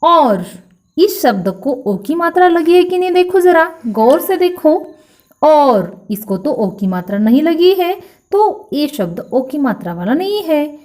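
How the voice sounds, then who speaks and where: Slow high-voiced woman teaching children. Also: big pitch swings. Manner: spells words out letter by letter and stresses each word loudly; addresses children directly, asking them to repeat. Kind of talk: slow, clear Hindi grammar lesson for children.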